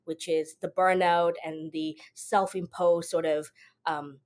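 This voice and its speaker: A woman's voice: on the low side, level tone, takes it slowly, a little mellow. A woman in her thirties from South Africa, speaking as a podcast guest in a reflective, advising way. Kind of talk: conversational interview answers.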